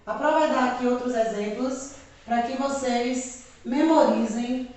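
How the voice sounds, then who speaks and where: A Brazilian woman teacher giving a video lesson to children, speaking slowly and carefully and repeating example words. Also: on the high side, a little mellow. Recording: very echoey room, distant mic.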